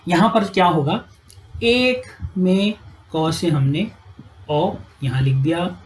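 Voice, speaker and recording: A woman teaching a Hindi grammar lesson at a whiteboard. She often checks "ठीक है", asks the class questions and answers them herself, and spells out sounds slowly. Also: low-pitched, expressive, a little mellow, low-quality recording.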